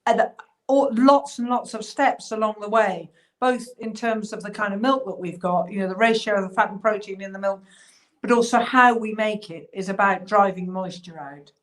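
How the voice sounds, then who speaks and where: A woman's voice: medium pitch, normal speed. A woman talking as a guest over a video call, explaining thoughtfully with frequent fillers. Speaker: cheesemaker guest. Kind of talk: casual interview chat.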